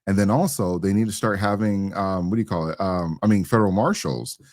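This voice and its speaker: A man's voice: sits low, brisk, a little mellow, no echo, studio quality. A man giving casual, opinionated commentary as a co-host, slangy and rambling, often repeating his phrases. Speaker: talk show co-host.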